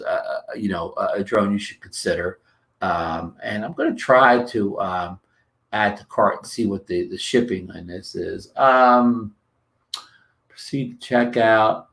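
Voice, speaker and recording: A man's voice: on the low side, fairly bright tone. A man from New Jersey hosting a casual livestream, rambling with many fillers and restarts and greeting viewers, his throat dry. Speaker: livestream host.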